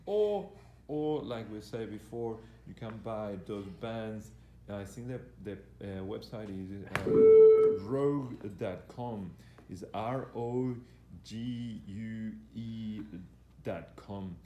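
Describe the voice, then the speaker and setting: A man with a lowish voice speaks slowly as he coaches fitness, giving live commentary on exercises while demonstrating them in an indoor gym. He holds the camera himself, and his teaching is halting and full of repetition. There is echo in the room and some faint noise behind him.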